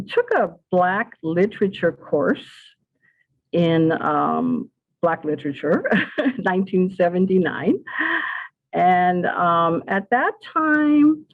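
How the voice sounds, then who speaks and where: Slow, hesitant woman on a tinny call. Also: fairly low pitch. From Southern California. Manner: hesitant, many fillers and restarts. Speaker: adult school ESL teacher presenting a webinar. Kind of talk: casual spoken presentation over video call. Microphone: video call. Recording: tinny phone-like audio.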